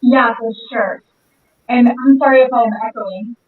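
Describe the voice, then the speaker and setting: A woman speaking slowly and carefully on a live online call while her audio echoes back and sounds distant. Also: fairly high pitch, fairly even intonation, narrow, tinny audio. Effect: her audio echoing back over an online call. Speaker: participant on a live online show. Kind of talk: casual live video chat.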